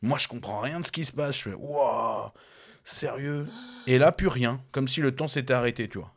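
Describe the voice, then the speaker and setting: A young man in casual chat with a friend, telling a story in an animated, slangy way and laughing often. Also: medium pitch, moderate pace, creaky.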